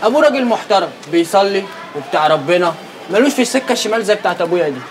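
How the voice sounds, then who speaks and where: A man's voice: sits high, animated, rapid-fire. An actor playing an idle young man who teases his friends in slang, with an Egyptian accent. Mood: teasing. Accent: Egyptian Arabic. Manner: teasing, slangy.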